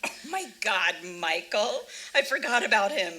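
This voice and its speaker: A woman's voice: medium pitch, big pitch swings, normal speed, sharp tone. A woman playing a fond but evasive young woman, in a casual, conversational cold reading of a stage play. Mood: teasing. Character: Joan, warm but evasive young woman back home.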